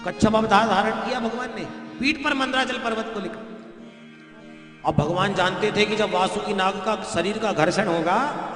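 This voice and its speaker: High-pitched guy preaching a story sermon, folksy, booming echoey hall, soft music underneath. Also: normal speed. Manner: folksy, chatty, addresses the audience directly with homely examples. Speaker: devotional storyteller.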